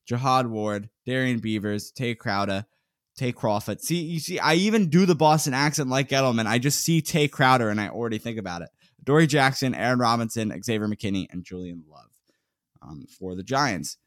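A man's voice: medium pitch, normal speed, dry recording, studio quality. A man co-hosting a casual sports podcast, recapping a game with frequent laughs and reading out player lists. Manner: chatty, laughs often, reads player lists. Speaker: podcast co-host.

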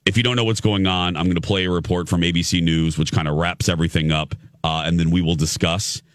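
A man's voice: sits low, fairly even intonation, fast, no room sound, studio quality. A man hosting a morning radio show, chatting casually and giving opinions in an informal way. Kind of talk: casual talk radio chat. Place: radio studio.

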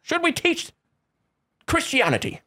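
A player putting on the voice of a pompous old-time missionary in a hot air balloon, asking drawn-out, quavering questions. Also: very high-pitched, huge pitch swings, bright, forceful tone, voice pushed up, heavily acted. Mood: preachy.

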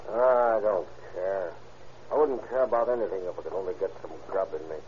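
A man's voice: low voice, a little fast, darkish tone, close to an everyday voice. An actor playing a weary, sullen hobo crook with slangy tough-guy talk in a 1930s radio drama. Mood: weary, bitter. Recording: muffled, noisy 1930s radio recording.

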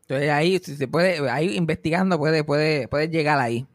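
A Puerto Rican man in his thirties tells jokes in an animated, casual chat, switching into English now and then. His voice sits high for a man. The sound is dry and close to the mic. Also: moderate pace, dry recording. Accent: Puerto Rican Spanish. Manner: joking, animated, slips into English.

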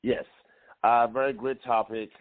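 A man in his forties from Ghana, calling in to a radio talk show, speaking earnestly with many pauses and fillers. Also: medium pitch, little pitch movement, dry recording. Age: 40s. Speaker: caller. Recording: tinny phone line.

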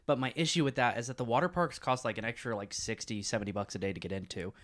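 Man in his twenties, mid-pitched voice, friendly, chatty podcast co-host. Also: a bit bright. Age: 20s. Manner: friendly, chatty, quick to agree. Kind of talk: casual chat. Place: room in a house.

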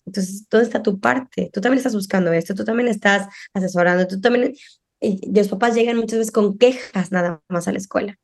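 Speaking briskly at a medium pitch with a creaky quality, this middle-aged woman is a guest on a podcast about parenting. Her conversation is casual and lively, and she performs the voices of quoted parents and kids.

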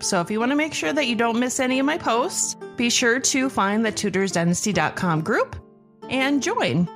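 A woman's voice: medium pitch, fairly bright tone. A woman hosting a podcast, reading scripted narration. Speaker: podcast host.

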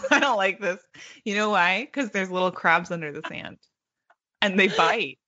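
A woman's voice: mid-range voice, moderate pace, sharp tone, muffled recording. A woman co-hosting a podcast in casual chat, nervous and chatty, laughing a lot. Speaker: podcast co-host.

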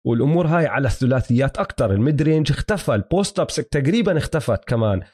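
His medium-pitched voice is darkish with a breathy edge, and he speaks in an animated, racing way. A sports co-host with a Palestinian-Jordanian Levantine Arabic accent, he explains points in a casual analysis chat, asks if the listener follows, and mixes in English basketball words.

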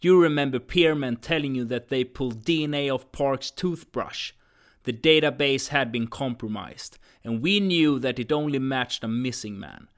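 A man's voice: mid-range voice, normal speed, close to an everyday voice. A man playing a firm, businesslike commander of a time-travel agency in an audio drama.

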